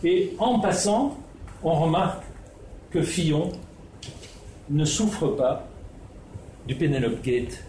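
A man's voice: fairly high pitch, expressive, slow, pauses often, mellow, slight background noise. A man from the Netherlands, giving a spoken presentation as a researcher, hesitant with many fillers and restarts. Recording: echoey room with faint ambience.

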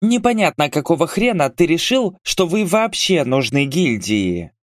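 A man's voice: fairly high pitch, big pitch swings, measured pace, no room sound, clean studio sound, voice pushed up. A man voicing a tall, surly female guild clerk who talks rudely in a raised voice. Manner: rude, dismissive. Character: tall broad-shouldered woman clerk, surly.

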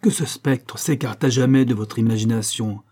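A man's voice: medium pitch, moderate pace, warm tone, close to an everyday voice. A man voicing a passionate, desperate young Frenchman in an audiobook, with impassioned, pleading declamation. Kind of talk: audiobook character voice.

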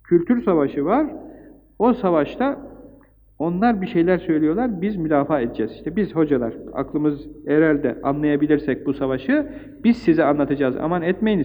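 Older preacher man, tinny hall recording. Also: a little high. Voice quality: recites Arabic verses quickly. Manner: emphatic, rhythmic lists, rising on key points. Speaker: Islamic preacher. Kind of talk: religious talk.

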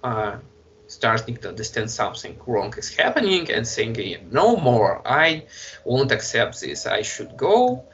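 A man from Russia with a Russian accent, speaking English in a halting way with many fillers and restarts as an interview guest. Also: medium pitch, very animated, fairly bright tone, dull audio. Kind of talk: conversational interview.

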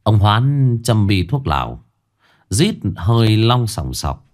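A male storyteller reads a scripted ghost story. His voice sits low but moves expressively. He keeps a steady, measured delivery. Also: slight background noise.

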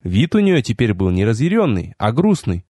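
Guy reading a first-person audiobook, wry and animated, dry close sound. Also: mid-range voice, normal speed, husky, dry recording. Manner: wry, expressive reading with sardonic asides. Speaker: audiobook narrator.

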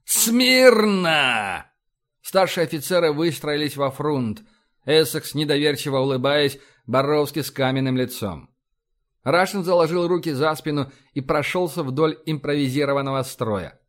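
A man narrating an audiobook in an even storytelling delivery. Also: fairly high pitch, normal speed.

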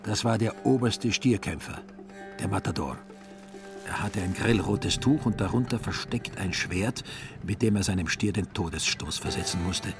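Calm low male radio-play narrator. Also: moderate pace, music in the background.

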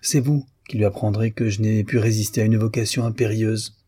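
A man's voice: fairly low pitch, flat delivery, a little fast, breathy edge. A man voicing a proud, clever young violinist. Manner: polite, confident, quietly proud.

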